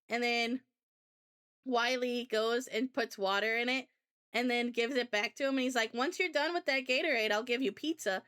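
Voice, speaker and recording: A woman's voice: a little high, fairly bright tone, clear, resonant tone. A woman streamer casually telling a rambling, chatty anecdote to her viewers. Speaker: VTuber streamer. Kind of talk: casual storytelling chat.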